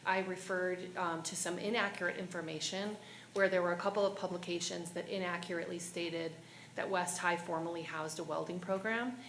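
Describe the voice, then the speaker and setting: Brief: woman board member, gravelly voice, formal and precise, echoey room. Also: lowish voice, a bit bright, a little hiss or hum. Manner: precise, formal, correcting herself. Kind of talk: formal statement for the record. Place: school board meeting room. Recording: echoey meeting room, faint ambience.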